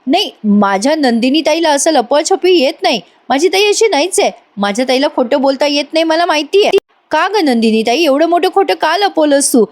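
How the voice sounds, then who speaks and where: A woman's voice: sits high, a little fast, few pauses, darkish tone, natural voice. A woman voicing a distraught young woman who accuses her elder sister of hiding the truth, demanding answers with repeated insistent questions. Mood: angry. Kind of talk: dramatic retelling of TV serial dialogue.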